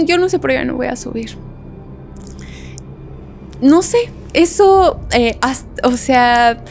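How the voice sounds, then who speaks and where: A young woman with a Mexican Spanish accent and a slightly high voice is a guest on a podcast, telling a story in casual conversation. She's animated, laughs often and acts out voices.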